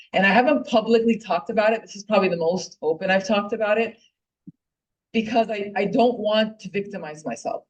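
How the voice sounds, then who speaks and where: Earnest woman speaking from afar. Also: on the low side. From Puerto Rico. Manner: earnest, heartfelt, with frequent fillers and restarts. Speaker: guest speaker at a political club meeting. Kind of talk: impassioned personal speech. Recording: distant, dull lo-fi room recording.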